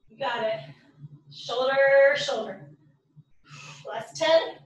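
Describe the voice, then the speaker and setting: A woman's voice: high-pitched, slow pace. A woman fitness instructor leading a live home workout, counting down reps and cueing moves while out of breath. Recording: roomy echo from far off the mic.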